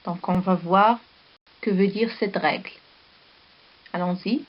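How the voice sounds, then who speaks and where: A woman teaching a primary school lesson with a Moroccan French accent, dictating words slowly and repeating each one. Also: medium pitch, steady tone, dull audio. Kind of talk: slow recorded classroom lesson.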